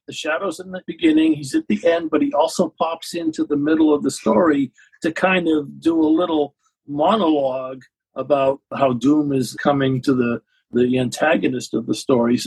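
A man explains things casually as a guest expert. His voice is very raspy with a lot of creak, at a middling pitch. The sound is close and dry. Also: a little mellow, no room sound, low-quality recording. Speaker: guest expert on vintage radio and film. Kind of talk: casual explanatory podcast discussion.

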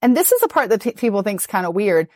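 A woman relationship coach talking in a podcast interview, animated and quick to laugh, swearing casually. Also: mid-range voice, no room sound, clean studio sound.

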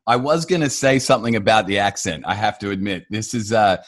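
A man's voice: lowish voice, a little fast. A man with an Australian accent hosting a podcast, chatty and friendly. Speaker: podcast host. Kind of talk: podcast interview.

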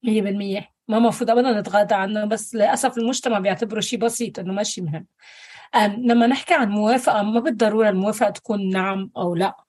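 A woman psychologist with a Levantine Arabic accent answering interview questions thoughtfully, pausing on fillers and slipping in English words. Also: mid-range voice, steady tone, darkish tone. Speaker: psychologist guest.

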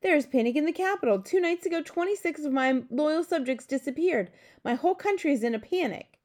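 Woman playing an agitated, high-pitched king. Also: lively intonation, moderate pace, mellow. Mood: panicked. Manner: urgent, exclamatory. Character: agitated, panicked male king of Sweden.

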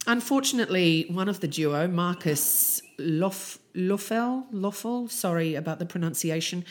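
A woman's voice: fairly low pitch, expressive, a little slow. An Australian woman co-hosting a casual music podcast, chatty and well-spoken. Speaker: podcast co-host. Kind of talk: casual chat about 80s and 90s music.

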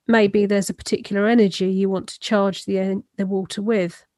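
A woman giving step-by-step explanatory instruction in a calm, matter-of-fact way. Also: mid-range voice, moderate pace, dry recording, clean studio sound. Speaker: speaker explaining a ritual practice.

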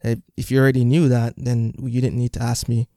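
A man from Jamaica speaking calmly and evenly about his own experiences in a panel discussion. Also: medium pitch, fairly quick, no room sound, clean studio sound.

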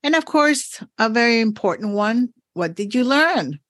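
A woman's voice: fairly high pitch, expressive, moderate pace, fairly bright tone, dry recording, studio quality. A woman hosting a podcast as a coach, talking thoughtfully and encouragingly with frequent laughs. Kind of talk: reflective podcast conversation.

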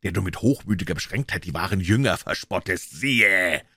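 A man's voice: low-pitched, expressive, normal speed, sharp tone, no echo, clean studio sound, full character voice. A man voicing a sinister, feverish male visitor who tempts and commands in urgent, theatrical declamation. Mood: frenzied.

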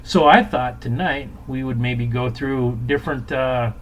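A man hosts a casual podcast chat in a medium-pitched voice. He talks like a bartender among friends. Clear background noise sits under the recording. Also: fairly even intonation, a little slow.

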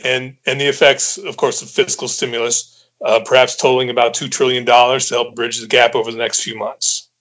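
A man's voice: medium pitch, level tone, brisk, fairly bright tone, rough recording. A man hosting a podcast interview, summing up points and putting questions to a guest. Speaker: podcast host.

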